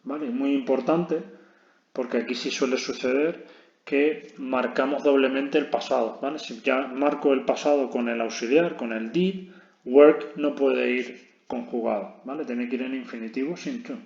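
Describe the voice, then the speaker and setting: Guy teaching a video lesson, gravelly voice, keeps checking in every line, echoey muffled recording. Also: mid-range voice, darkish tone. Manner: explains step by step, constant "¿vale?" check-ins. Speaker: English teacher. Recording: dull, roomy lo-fi recording.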